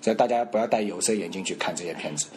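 A man's voice: low voice, very fast, a crowd in the background. A man with a Shanghainese accent, teaching the dialect in a playful, joking casual chat.

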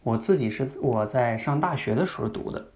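A man with a gravelly, creaky voice gives a casual spoken lesson as a podcast host. He talks in a chatty way and keeps putting questions to his listeners. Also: mid-range voice, animated, a little fast, darkish tone.

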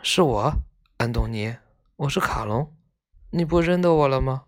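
A man's voice: medium pitch, lively intonation, normal speed, lightly acted. A man voicing a kind-hearted schoolboy who comforts his sick friend while reading a children's story aloud. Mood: comforting.

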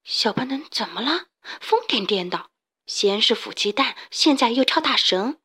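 A woman's voice: a little high, animated, moderate pace, sharp tone, husky, exaggerated voice. Woman doing an alarmed young chicken. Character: nervous, excitable young chicken.

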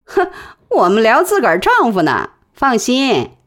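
A woman voicing a teasing, jealous young wife who needles her husband, rising high in pitch. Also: huge pitch swings, unhurried.

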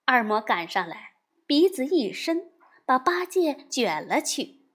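A woman narrating a classic storybook tale in an expressive, measured way. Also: high voice, breathy edge.

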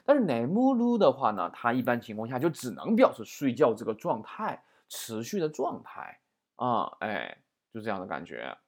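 A man's voice: medium pitch, wildly swooping pitch, normal speed, darkish tone. A man teaching a vocabulary lesson in a chatty way, often asking "right?". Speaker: Japanese language teacher.

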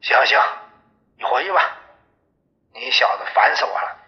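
A man voicing a gruff, bossy army company commander who barks orders and curses. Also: mid-range voice, lively intonation, moderate pace, dull audio, natural voice. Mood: barking. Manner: barking orders, cursing.

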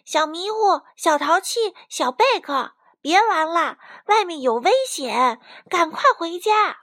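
A woman voicing a curious, lively young hen in a storybook, eager and wondering. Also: high voice, a little slow, pitched above the performer's own voice.

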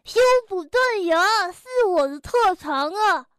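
A jolly, proud male beaver dentist from a children's storybook, as a woman reads him aloud. He talks in a bright, beaming, bouncy way, pitched very high and taking his time. The recording is dry and close. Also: expressive, slow pace, no room sound, full character voice. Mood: explaining. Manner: bouncy, beaming, rhyming patter.

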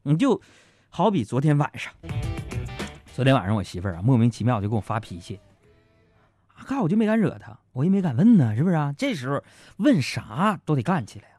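A man's voice: medium pitch, sing-song, brisk, long pauses, a little mellow, slightly rough, faint music behind. A man hosting a radio show, telling comic stories about his marriage in a chatty, joking manner, speaking straight to his listeners. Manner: chatty, jokey, addresses listeners directly. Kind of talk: comic monologue.

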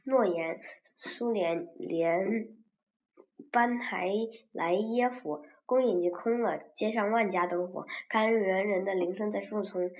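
A woman reading a story aloud in a measured recitation, with pauses and occasional fillers. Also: medium pitch. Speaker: reader. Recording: roomy, dull lo-fi recording.

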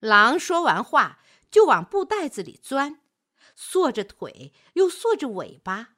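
Children's story narrator, woman, bright, slow and animated. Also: sits high. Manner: expressive, deliberate.

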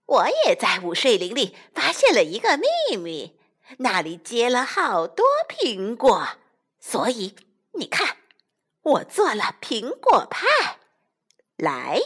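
A woman's voice: fairly high pitch, huge pitch swings, slow, a bit bright, husky, exaggerated voice. A woman voicing a happy, generous grey wolf who bakes, in a children's storybook, eager and inviting.

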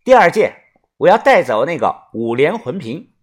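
A man playing a cold, scheming woman who states her terms calmly and sneers through her words. The delivery is husky, with lively rises and falls in pitch. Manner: calm, measured, sneering.

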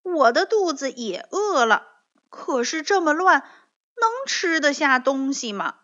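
A woman voicing a small excitable rabbit in a children's story, talking in loud, high, indignant outbursts. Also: takes it slowly, exaggerated voice. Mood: worried. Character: little excitable rabbit, quick to anger. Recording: dull lo-fi recording.

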